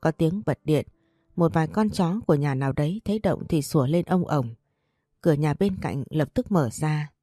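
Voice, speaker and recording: A woman reading a story in a steady, measured manner. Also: deep voice, no room sound, clean studio sound. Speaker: narrator. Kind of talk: scripted audiobook narration.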